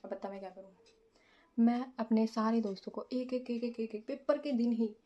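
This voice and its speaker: A woman's voice: on the high side, steady tone, normal speed, muffled recording. A young woman chatting casually in a makeup vlog, rambling and self-mocking, often searching for words and mixing in English. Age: young adult. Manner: mixes English words into speech. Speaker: vlogger.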